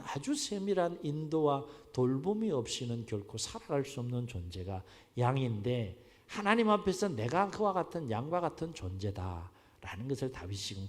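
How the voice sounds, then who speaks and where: A male pastor preaching a sermon, slowing down to stress his words. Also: fairly high pitch, in a large hall. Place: church sanctuary.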